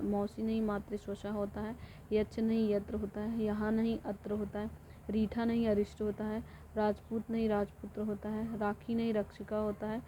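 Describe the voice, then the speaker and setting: A woman teaching an exam-prep lesson, reading through word pairs and repeating each one in a steady drilling way. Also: medium pitch. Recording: dull lo-fi audio with faint noise.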